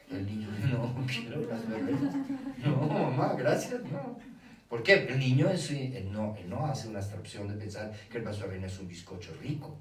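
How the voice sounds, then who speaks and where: Brief: Colombian male speaker, lively lecture style, miked from afar in a reverberant room. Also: on the low side. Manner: animated, asks rhetorical questions, acts out dialogue. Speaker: speaker on children's faith. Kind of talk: lecture to a live audience. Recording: echoey room from far off, faint hiss.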